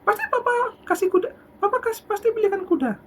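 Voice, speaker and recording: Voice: very high voice, expressive, brisk, fairly bright tone, a little hiss or hum, voice pushed up. A squealing overjoyed little child. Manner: squealing, breathless, repeating cheers. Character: small gleeful child begging for a pony.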